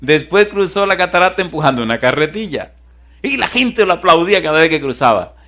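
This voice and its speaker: Animated male pastor preaching. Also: a little high, fairly quick. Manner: animated preaching, shifts from loud calls to hushed storytelling. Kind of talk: sermon.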